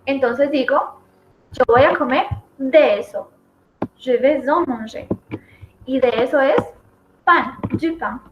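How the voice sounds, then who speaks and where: A woman's voice: sits high, takes it slowly, long pauses. A woman teaching a French lesson in Spanish, explaining each example step by step and repeating it. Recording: echoey room, dull lo-fi audio, noisy.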